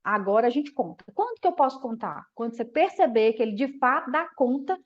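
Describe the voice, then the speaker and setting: A woman giving an explanatory live lecture to teachers, often checking in with short tag questions and slowing down to spell out words syllable by syllable. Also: a little high, lively intonation, dull audio. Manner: slows to syllable-by-syllable demonstrations. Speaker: teacher educator.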